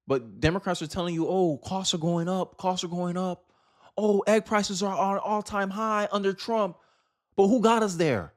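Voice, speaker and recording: In a voice that sits high, an American man gives casual, opinionated political commentary. He is exasperated and emphatic and keeps firing off rhetorical questions.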